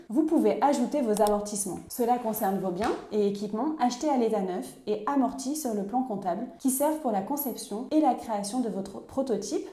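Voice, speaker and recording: A woman's voice: fairly high pitch, warm tone, roomy sound. Woman narrating a scripted explainer. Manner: clear, measured, instructive. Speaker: narrator of a tax explainer video.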